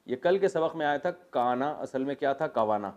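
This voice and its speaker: A man's voice: medium pitch, expressive, muffled recording. Pakistani-accented man teaching a grammar lesson. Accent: Pakistani Urdu. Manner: explains step by step, asks students questions, jokes. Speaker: religious teacher. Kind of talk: classroom Quran grammar lesson.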